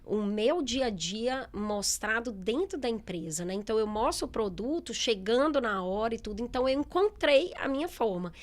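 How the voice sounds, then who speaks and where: A middle-aged businesswoman in a relaxed interview, talking candidly with many fillers and quoted asides. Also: on the high side, normal speed, few pauses. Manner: chatty, candid, lots of fillers and quoted speech. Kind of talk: casual interview talk.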